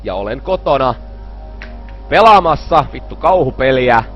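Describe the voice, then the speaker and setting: A man's voice: mid-range voice, animated, lo-fi sound, soft background music. A young man playing a horror game, narrating his let's play after drinking beer, swearing a lot and screaming in panic when frightened. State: tipsy from beer. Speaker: gaming video host.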